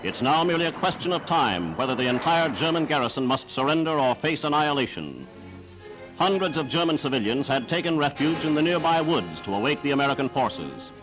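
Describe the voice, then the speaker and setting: 1940s newsreel man, higher-pitched, over music. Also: big pitch swings, a little fast, low-quality recording. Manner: formal, declamatory. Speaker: newsreel narrator. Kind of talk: 1940s newsreel narration, scripted.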